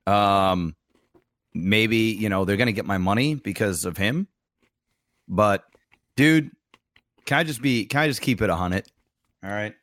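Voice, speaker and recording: A man's voice: on the low side, a little slow, pauses often, a bit bright, dry recording. A man in his thirties co-hosting a gaming podcast, talking bluntly with slang. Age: 30s. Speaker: podcast co-host. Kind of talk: casual podcast chat.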